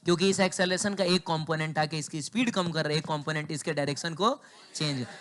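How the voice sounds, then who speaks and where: A man with a fairly high voice lectures a physics class. His throat is sore. He keeps quizzing the students, answers his own questions and teases them as he goes. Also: fast talker, a bit bright. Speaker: physics teacher.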